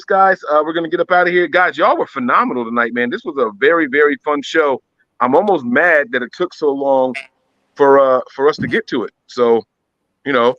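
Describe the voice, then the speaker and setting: A man's voice: mid-range voice, a bit bright, muffled recording. A man co-hosting a casual live podcast, teasing and laid-back. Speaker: podcast co-host. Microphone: phone.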